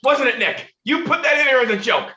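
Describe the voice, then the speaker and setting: A man's voice: very high-pitched, expressive, brisk, sharp tone, reverberant, highs cut off. A man playing a trivia game, teasing the host in casual banter. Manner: teasing, laughing. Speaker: game show contestant.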